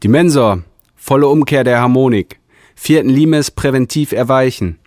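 A man voicing a formal alien expedition leader who gives clipped orders in a raised, louder voice. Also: mid-range voice, moderate pace, dry recording, clean studio sound, pitched above the performer's own voice, lightly acted. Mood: commanding.

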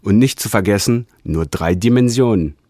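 A man's voice: on the low side, normal speed, warm tone, no room sound, clean studio sound, close to an everyday voice. A man voicing a deferential veteran alien navigator who reports matter-of-factly.

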